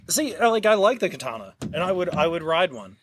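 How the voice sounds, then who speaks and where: A man's voice: high-pitched, a little hiss or hum. A man co-hosting a podcast in casual chat, often stumbling and repeating words as he starts a sentence. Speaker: podcast co-host.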